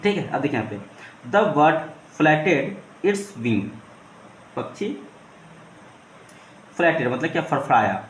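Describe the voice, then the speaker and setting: A man of middle pitch teaching English, walking through a story phrase by phrase. He often says "ठीक है" and asks questions that he then answers himself. His voice sounds roomy and echoey, with faint ambient noise behind it. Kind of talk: explaining an English story line by line in Hindi.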